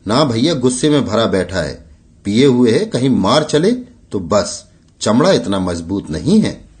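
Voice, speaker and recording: A man's voice: on the low side, big pitch swings, measured pace, a little mellow. A man voicing a blunt, wary male peon who warns his neighbor. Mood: warning. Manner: blunt, warning.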